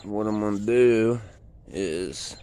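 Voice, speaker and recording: A man casually narrating a hands-on how-to as he works, in halting phrases, filmed on a handheld phone. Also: lowish voice, warm tone, smooth. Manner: unhurried, halting, narrating his actions as he works. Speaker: DIY car repair demonstrator. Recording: noisy handheld phone video, engine noise. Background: car engine and ambient noise.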